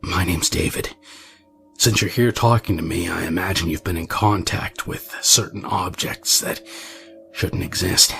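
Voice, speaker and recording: A man voicing a haunted, paranoid man who speaks in a hushed, quavering way in a horror story. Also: low voice, unhurried, vocal fry, faint music behind, heavily acted.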